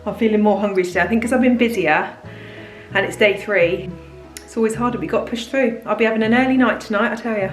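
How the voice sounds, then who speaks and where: A woman's voice: fairly high pitch, fast, echoey room, faint music behind, poor audio. A British woman in her thirties chatting candidly in a casual food vlog from her home kitchen, laughing easily as she talks. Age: 30s. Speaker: diet plan consultant and vlogger.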